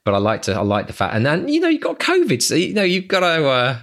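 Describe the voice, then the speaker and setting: A man's voice: a little high, huge pitch swings, fast talker, a bit bright. A man chatting casually and effusively as a podcast co-host. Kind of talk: casual chat.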